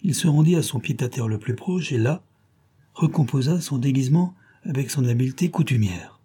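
Man, audiobook narrator, very dark, husky, steady storytelling. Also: mid-range voice, fairly quick. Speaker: audiobook reader. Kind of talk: scripted narration.

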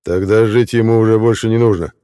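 A man's voice: fairly low pitch, steady tone, brisk, mellow, smooth, in a large hall, lightly acted. A man doing a curt, commanding sniper. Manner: curt, barked orders. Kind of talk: audiobook character reading.

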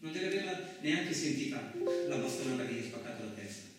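A stage actor performs a colloquial first-person dramatic monologue for radio theatre, his mid-range voice animated and brisk. He sounds far from the mic over loud music, in a very echoey room with faint noise.

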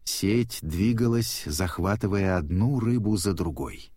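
A man narrating a children's storybook in a steady, expressive way. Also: low-pitched, unhurried, dry recording, studio quality.

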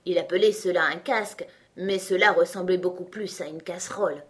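A woman narrating a children's storybook in a gentle, measured, soft-spoken way. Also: lowish voice. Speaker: audiobook narrator.

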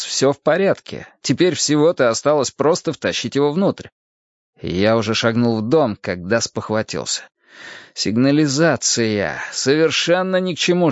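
A man of middle pitch narrates an audiobook in a steady, measured way. The recording is dry and a little dull, with no room sound. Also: no echo. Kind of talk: first-person audiobook narration.

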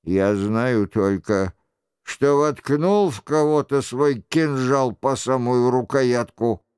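An aggrieved young nobleman tells his humiliation in a slow, seething voice, as a male reader puts him on, each word clearly shaped. The sound is close and dry. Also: medium pitch, darkish tone, dry recording, voice pushed down, close to an everyday voice. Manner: indignant, aggrieved.

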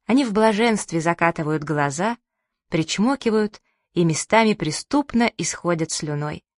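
A woman narrating a children's story as an audiobook in a lively storytelling manner. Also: lowish voice, normal speed, no room sound, clean studio sound. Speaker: audiobook reader.

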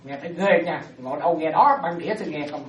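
A woman Buddhist teacher giving an animated dharma talk to lay followers, often checking that they follow. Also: low-pitched, fast, a little hiss or hum. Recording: roomy, distant, dull lo-fi sound.

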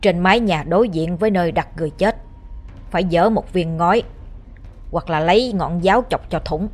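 A woman's voice: lowish voice, normal speed, a little mellow, lightly acted. A woman doing a stern old village ritual master. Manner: commanding, instructive.

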